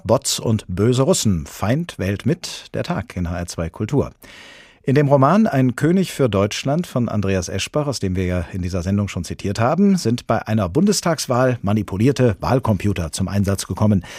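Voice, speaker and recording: A man presenting a radio culture program in a measured way. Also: lowish voice, darkish tone, breathy edge, no room sound, clean studio sound. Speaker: radio host.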